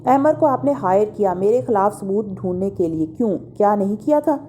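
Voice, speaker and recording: Woman reading a wounded husband who feels betrayed, accusing, storybook reading, mellow tone. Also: medium pitch, expressive, a little hiss or hum, natural voice. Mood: hurt accusing. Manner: hurt, accusing. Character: bitter, wounded young husband accused of murder.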